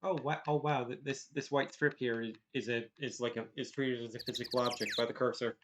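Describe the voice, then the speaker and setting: A woman streamer giving casual, wry commentary while playing a video game, quiet and slightly sarcastic. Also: rumbling low, fairly even intonation, brisk, a little hiss or hum. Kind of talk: casual let's-play commentary.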